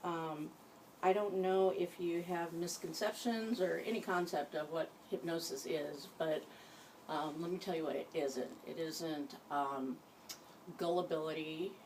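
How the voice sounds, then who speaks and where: A woman leading an informal guided hypnosis session, giving gentle instructions in a halting way. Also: low voice, fairly even intonation. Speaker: hypnosis practitioner. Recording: distant mic, faint background noise.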